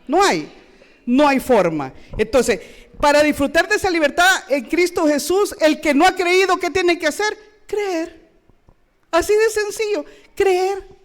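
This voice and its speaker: A woman's voice: high voice, lively intonation, normal speed. A woman pastor, preaching a sermon with rhetorical questions and playful asides.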